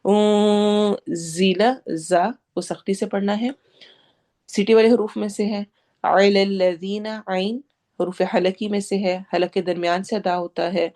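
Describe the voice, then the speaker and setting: A woman with a Pakistani Urdu accent leads a tajweed lesson in a patient teaching voice. She stretches each recited word slowly to show its sounds. Her explanations in Urdu are mixed with English terms. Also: medium pitch, steady tone, warm tone.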